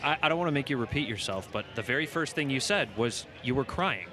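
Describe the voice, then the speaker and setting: A man interviewing a coach on stage for a live sports broadcast, asking energetic, polished questions. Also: mid-range voice, fast talker. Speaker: sideline interviewer. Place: outdoor championship stage with a crowd. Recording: crowd noise behind.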